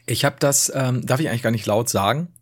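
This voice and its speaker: A man's voice: medium pitch, fast talker. A man co-hosting a podcast, telling a rambling story in casual chat with bursts of animation. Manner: rambling, animated storytelling with laughs and acted outbursts. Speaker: podcast co-host.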